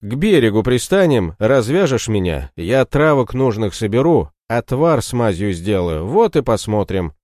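A man's voice: fairly low pitch, big pitch swings, moderate pace, few pauses, darkish tone, no echo, studio quality. A man voicing a sly, mocking male captive healer who taunts his captors in an audiobook story. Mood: gruff. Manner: taunting, scornful.

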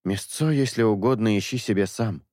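A man's voice: lowish voice, moderate pace, a little mellow, no echo, clean studio sound, lightly acted. Man voicing a patient, coaxing young priest. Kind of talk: audiobook character dialogue.

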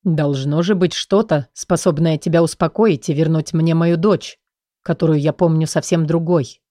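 A woman voicing a stern, protective, quick-tempered middle-aged father in an audiobook, with a gruff lowered voice. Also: steady tone, dark tone, no echo, studio quality, natural voice. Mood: pained. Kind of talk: audiobook character voice.

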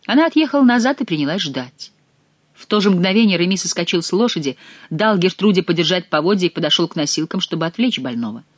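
A narrator reading a classic novel aloud in a close, dry recording with no room sound. The delivery moves between an even telling voice and soft, hushed passages for the quiet moments. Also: medium pitch, fast, no room sound. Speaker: audiobook narrator.

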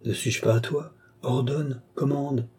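A man's voice: mid-range voice, fairly even intonation, a little slow, darkish tone, breathy edge. Man reading as Lorenza, serene young seer. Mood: tender.

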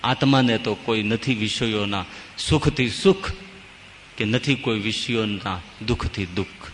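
A man's voice: fairly low pitch, unhurried, fairly bright tone. A man, a swami, giving a sermon on scripture, telling stories with emphatic, rising and falling delivery. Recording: long hall reverb with faint ambient noise.

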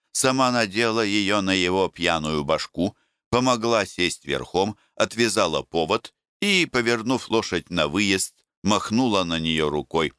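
A man reading a classic story aloud as an audiobook narrator, in a measured storytelling manner. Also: low voice, a bit bright, clear, resonant tone, no room sound, clean studio sound. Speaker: audiobook reader. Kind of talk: scripted literary narration.

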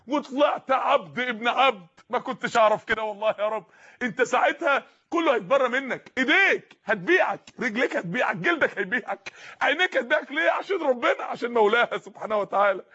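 A man with an Egyptian Arabic accent preaching a sermon in an impassioned way, raising his voice to shouts. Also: very high-pitched, animated, fast talker. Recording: muffled lo-fi recording.

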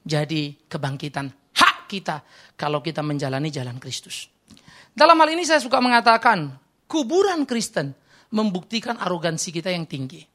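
A man preaching a sermon as pastor, telling stories with quoted dialogue and swinging between loud exclamations and quiet confiding asides. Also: on the high side, big pitch swings, normal speed.

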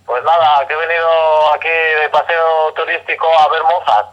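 A man's voice: on the high side, steady tone, normal speed, lo-fi sound. A man calling in to a live radio show over the phone, joking cheekily and crudely with the hosts.

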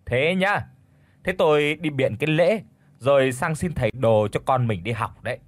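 A shrill, bossy old village wife who nags and scolds , played by a male storyteller. Husky and lively, recorded dry and close. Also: normal speed, no echo. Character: shrewish old wife of a rich villager, loud and pushy.

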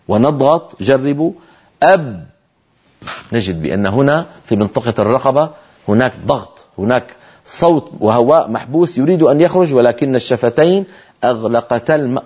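A man's voice: mid-range voice, a little mellow, slightly rough, dull audio. A middle-aged man teaching Quran recitation rules on a broadcast, demonstrating letter sounds and asking listeners to try them. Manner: measured, explanatory delivery. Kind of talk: televised tajweed lesson.

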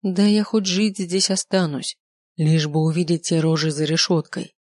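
A reader narrating a first-person novel in an even, plain reading manner. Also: medium pitch, normal speed, dry recording, clean studio sound. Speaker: audiobook reader.

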